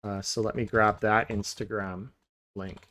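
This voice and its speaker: A man hosting a podcast in a relaxed, casual chat, pausing often with filler sounds and restarting sentences. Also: lowish voice. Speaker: podcast host.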